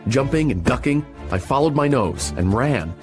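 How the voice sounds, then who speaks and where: Expressive male storybook narrator. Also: medium pitch, normal speed, music in the background. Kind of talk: storybook reading.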